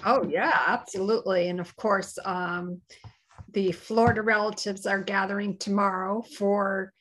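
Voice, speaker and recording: A woman co-hosting a morning livestream, chatting casually in a reflective, halting way. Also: medium pitch, fairly even intonation, fairly bright tone, rough recording. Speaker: co-host of a sisters' morning livestream. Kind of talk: casual chat.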